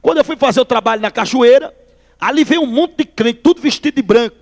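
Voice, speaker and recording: A man preaching his testimony in a church hall, telling a lively story and calling listeners brother. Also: very high voice, quick pace.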